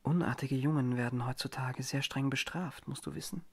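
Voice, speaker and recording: Male reader doing a cooing, sinister widow; soft syrupy baby talk with a threat underneath. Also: medium pitch, steady tone, moderate pace, slightly rough. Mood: hushed menace. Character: eerily doting middle-aged widow, sweetly menacing. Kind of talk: audiobook character voicing.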